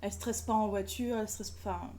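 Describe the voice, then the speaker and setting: A woman's voice: medium pitch, steady tone, fairly quick, warm tone, slight background noise. A woman chatting casually and playfully as a live streamer, colloquial and sweary, often cooing affectionately. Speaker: live streamer, craft vlogger.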